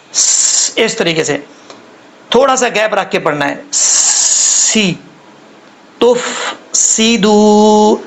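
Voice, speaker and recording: High, gravelly-voiced man teaching recitation. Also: fairly bright tone, low-quality recording. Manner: patient, repetitive instruction, models sounds slowly. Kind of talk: step-by-step pronunciation lesson.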